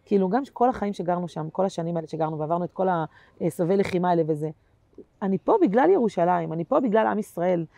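A woman comedian chatting as a guest in an interview, telling animated stories that swing between loud bursts and quiet asides, with plenty of slangy fillers. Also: fairly low pitch, gravelly, dry recording. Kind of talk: casual interview chat.

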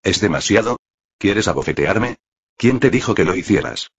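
A man reading the lines of a brash, cocky young male officer in a flat storybook voice, on a dull lo-fi recording. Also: fairly low pitch, moderate pace, slightly rough.

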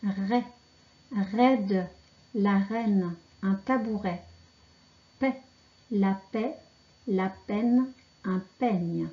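A woman teaching children to read, pronouncing syllables and words slowly and carefully. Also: medium pitch, muffled recording. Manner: slow, carefully articulated dictation. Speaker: reading teacher. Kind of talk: slow reading lesson for children.

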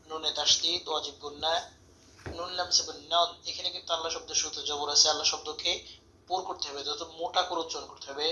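A man's voice: on the high side, pushed and bright, a little hiss or hum. Methodical male Quran teacher, echoey room. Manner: methodical, repeating syllables slowly, chanting the Arabic verses. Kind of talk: tajweed lesson, spelling out letters and recitation. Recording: roomy echo, dull lo-fi sound.

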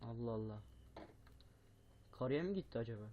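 A young man commentating a horror game, swearing a lot, yelling at scares and muttering between them. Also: mid-range voice, animated, fairly quick, dull audio, a little hiss or hum. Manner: swears a lot, panics and yells at scares, then mutters quietly. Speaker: gaming YouTuber.

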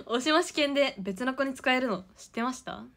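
A woman's voice: high-pitched, fairly bright tone. A young woman hosting a casual idol livestream, giggly and chatty as she reads out viewer comments.

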